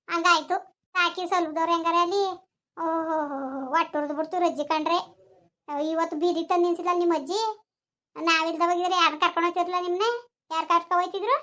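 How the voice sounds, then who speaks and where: A woman playing a furious scolding village mother. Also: very high voice. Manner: scolding, shouting threats. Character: angry village mother, sharp-tongued. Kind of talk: village comedy skit acting.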